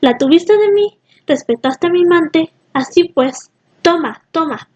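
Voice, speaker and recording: Woman doing a vengeful sorceress, high voice, dull lo-fi sound, storybook reading. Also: animated, a little slow, a little mellow. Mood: spiteful. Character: cruel vengeful sorceress woman, pleading to her lover.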